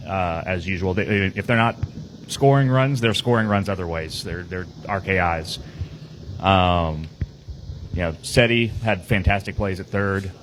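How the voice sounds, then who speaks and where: On a casual podcast, a man talks through his team's game as a player, rambling with lots of fillers and restarts. His voice is on the low side, and the low-quality recording carries slight background noise.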